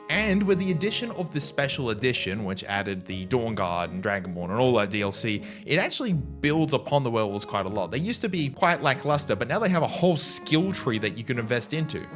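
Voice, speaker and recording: Sarcastic, lively male game commentator. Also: mid-range voice. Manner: sarcastic, profane, jokey. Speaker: gaming video host. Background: background music.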